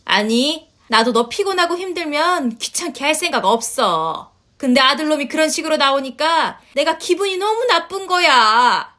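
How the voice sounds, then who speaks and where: A woman's voice: high-pitched, lively intonation, normal speed, few pauses, bright, forceful tone, pitched above the performer's own voice. A woman playing a huffy older mother-in-law. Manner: scolding, sighing, huffy complaints. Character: nagging older Korean mother-in-law, sulky and indignant. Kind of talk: storytelling voice acting.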